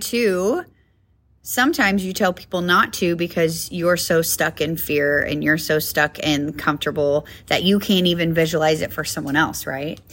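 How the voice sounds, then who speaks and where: A woman's voice: medium pitch, fairly bright tone. A young adult woman hosting a motivational podcast, talking in a chatty, encouraging way with frequent fillers and restarts. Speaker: podcast host. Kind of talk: casual motivational podcast talk.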